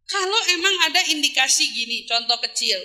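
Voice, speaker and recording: A woman's voice: high-pitched, expressive, a little fast, pushed and bright. A woman preacher giving a casual religious talk to women. She asks rhetorical questions, answers them herself, and stretches single words out for emphasis. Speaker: Islamic preacher.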